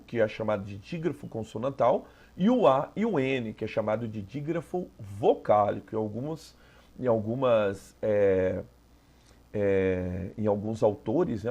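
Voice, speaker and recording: A man's voice: fairly low pitch, creaky, darkish tone, slightly rough. A Brazilian man going through an exam as a teacher, explaining step by step and often checking in with the listener. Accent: Brazilian Portuguese. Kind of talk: exam review lesson.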